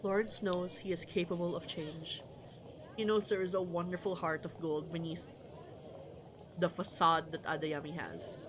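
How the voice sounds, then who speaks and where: A woman livestreamer with a lowish voice reads a visual novel aloud at a moderate pace, her intonation fairly even. She chats casually with wry, informal commentary, with music playing behind her and a noisy background.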